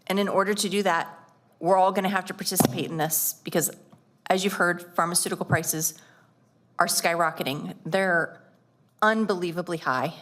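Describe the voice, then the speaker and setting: A woman's voice: lowish voice, steady tone, fairly bright tone, slight background noise. A woman on a school board speaking earnestly at a public meeting, getting choked up and stretching out words for emphasis. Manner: earnest, emotional, drawn-out emphasis.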